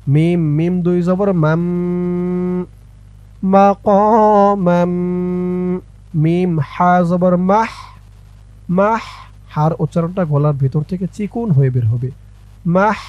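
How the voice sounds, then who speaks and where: High-voiced guy teaching arabic reading, super slow, dry dull lo-fi recording. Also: darkish tone, no echo. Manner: slow drawn-out spelling and chanting, quick spoken asides. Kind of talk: letter-by-letter recitation lesson.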